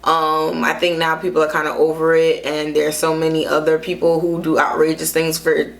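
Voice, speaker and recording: A woman's voice: sits low, monotone, normal speed, gravelly. A millennial woman giving casual beauty commentary in a conversational, opinionated way, with slangy phrasing and emphatic points. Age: millennial, young adult to 30s.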